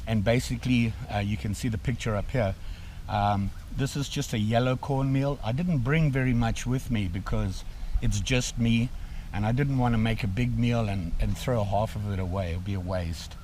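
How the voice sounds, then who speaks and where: A middle-aged man from Zimbabwe, chatting casually through an outdoor cooking vlog in snowy woods, relaxed and full of fillers. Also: fairly low pitch, normal speed, hardly any pauses, a little hiss or hum. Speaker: outdoor vlogger.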